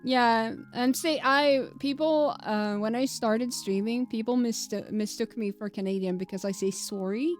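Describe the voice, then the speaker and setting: This streamer, a Swedish native with a light accent, keeps up casual live-stream chatter, rambling, tripping over words and laughing frequently. Her voice is a little high and unhurried, with hardly any pauses, and faint music plays behind her.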